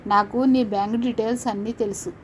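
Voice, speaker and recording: A pushy young woman friend who talks insistently and loudly, played by a woman narrator. The voice sits a bit high. Faint background noise runs under it. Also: fairly even intonation, fast talker, natural voice. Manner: insistent, loud.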